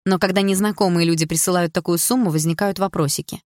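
A woman voicing a proud, sharp-tongued schoolgirl in an audiobook, blunt and indignant. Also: fairly low pitch, steady tone, fast talker, no echo, clean studio sound, lightly acted.

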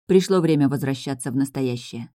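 Female audiobook narrator, measured first-person delivery, mellow tone, dead-dry studio. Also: a bass voice, no room sound.

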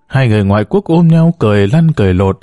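A man narrating a story in a steady, storytelling manner. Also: lowish voice, fast talker, no echo, clean studio sound. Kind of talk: audiobook reading.

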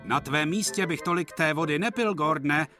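A man's voice: fairly high pitch, pitched above the performer's own voice, natural voice. A man voicing a small, cheeky male engine who teases the others in a sly, mock-innocent way. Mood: teasing. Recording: clear music behind.

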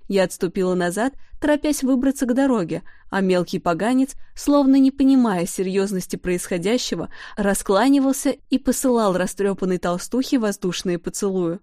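A woman reading a first-person audiobook in a lively, expressive way. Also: medium pitch, moderate pace, hardly any pauses, dry recording, studio quality. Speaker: audiobook narrator.

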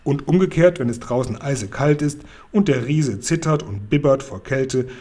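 A good-natured storybook giant who trips over his own words, played by a man with a dark, mellow, slightly husky voice that he lifts a little higher and louder than his reading voice. He speaks in a homely, folksy way. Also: lively intonation, moderate pace, natural voice. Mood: earnest. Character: kind big friendly male giant.

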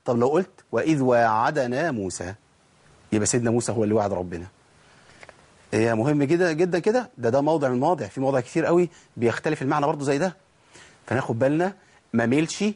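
Egyptian guy teaching tajweed, husky voice, talks fast and chatty but stretches sounds out slow to show them. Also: medium pitch. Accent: Egyptian Arabic. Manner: colloquial and lively, drawing out letters slowly as examples. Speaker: Quran recitation teacher. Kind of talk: tajweed lesson.

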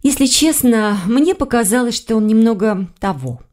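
A woman reading the part of a curious young woman in an audiobook, pitched a little higher and more animated than her narration. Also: normal speed, close to an everyday voice.

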